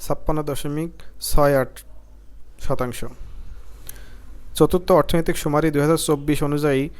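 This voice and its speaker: A man from Bangladesh reading out job exam quiz questions, each followed by its answer in a lower, softer voice. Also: steady tone, normal speed.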